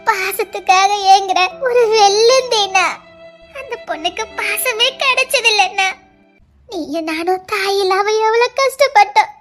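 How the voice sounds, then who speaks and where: A woman with a Tirunelveli accent playing a gentle younger sister who earnestly implores her brother. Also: very high-pitched. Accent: Tirunelveli Tamil. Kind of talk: comedy skit drama.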